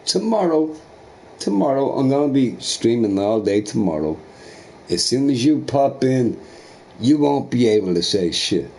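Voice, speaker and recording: A man's voice: sing-song, measured pace, a little mellow. Profane ranting streamer man. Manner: repetitive, profane, mocking, drops low to a mutter. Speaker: live streamer. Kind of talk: angry rant at a chat viewer.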